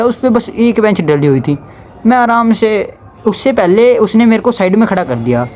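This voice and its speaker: Young man, high-pitched, chatty storyteller, faint background noise. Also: a little mellow. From Haryana, India. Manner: chatty, slips into dialect when quoting others. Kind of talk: casual storytime.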